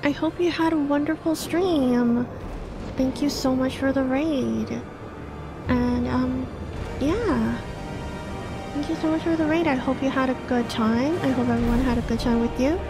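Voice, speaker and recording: She's a streamer and host, plus an English literature teacher, talking a little slowly in a high, flustered voice during casual gaming chat. Game music plays as she gets excitable, exclaims and repeats words in panic.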